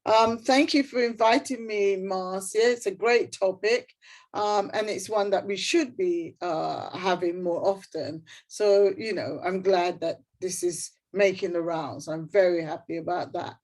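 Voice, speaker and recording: A woman's voice: mid-range voice, unhurried, darkish tone. A middle-aged woman with a Guyanese accent giving an informal, candid personal talk on a video call, repeating words for emphasis. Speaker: guest speaker. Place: indoors at a computer on a video call.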